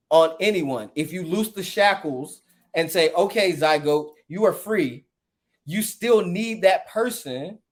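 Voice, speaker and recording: A man co-hosting a podcast, pushing back with questions and restarting his sentences. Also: a little high. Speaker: podcast co-host. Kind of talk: casual debate.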